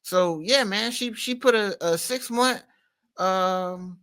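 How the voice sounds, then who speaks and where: Guy cohosting a podcast, bright forceful voice, slangy and rambling. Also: high voice, takes it slowly, clear, resonant tone. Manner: slangy, loose, rambling with fillers. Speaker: podcast co-host. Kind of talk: casual commentary chat.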